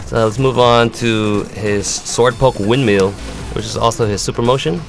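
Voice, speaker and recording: With music behind him, a man with a mid-range voice and some vocal fry talks at a moderate pace. As a competitive gamer, he delivers instructional commentary explaining fighting game moves one step at a time.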